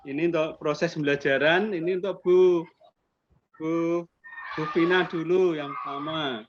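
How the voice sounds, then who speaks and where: In a muffled, noisy video call, a man in his fifties works as an accreditation assessor interviewing teachers. He speaks with a Javanese accent, is friendly and chatty, and uses Javanese politeness words. His voice is somewhat high, steady, and a little slow.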